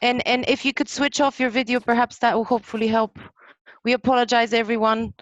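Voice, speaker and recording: A woman moderates a panel over a video call, her audio dull and dry. Her voice sits fairly high, and she hands over the floor in a polite, brisk manner. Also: little pitch movement, no room sound. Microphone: computer mic on a video call.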